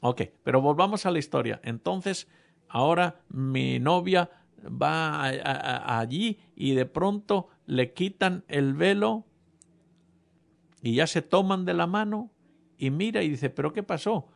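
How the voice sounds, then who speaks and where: A man's voice: on the high side, lively intonation, slow, creaky. A man preaching a sermon, telling a humorous personal story and speaking directly to the congregation. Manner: humorous storytelling, addresses audience.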